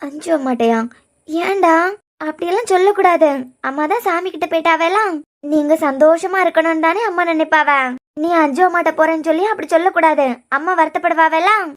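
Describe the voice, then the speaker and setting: A woman with a Kanyakumari Tamil accent voicing a gentle young woman who soothes and coaxes a crying little girl in a cartoon serial. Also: very high-pitched, a little fast. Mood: soothing. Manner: soothing, coaxing, tender.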